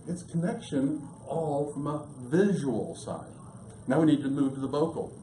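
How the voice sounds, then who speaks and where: A man giving a fast, emphatic business seminar presentation to a live audience in a meeting room. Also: a little high, lively intonation, warm tone. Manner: emphatic, rapid, listing points. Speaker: business speaker. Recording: roomy room, faint background hum.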